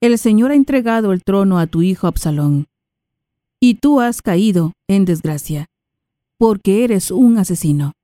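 Slow, reverent woman reading scripture. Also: medium pitch, animated, mellow, no room sound, studio quality. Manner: measured, reverent, unhurried phrasing. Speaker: liturgical reader.

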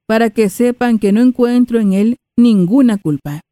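A woman's voice: fairly high pitch, normal speed, dark tone, dry recording, clean studio sound, pitched above the performer's own voice, close to an everyday voice. A woman reading the part of Pilate, a stern male Roman governor, in a raised, questioning voice.

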